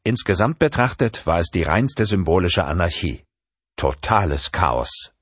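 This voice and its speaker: Man narrating a thriller audiobook, very deep voice, husky, lively melody, dry sound. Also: measured pace, no echo. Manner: tense dramatic reading.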